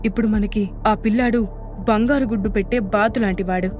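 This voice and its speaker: A woman's voice: medium pitch, fairly even intonation, fairly quick, darkish tone, faint music behind, close to an everyday voice. A woman voicing a scheming young businesswoman in an audio drama, speaking in a coaxing, smug way.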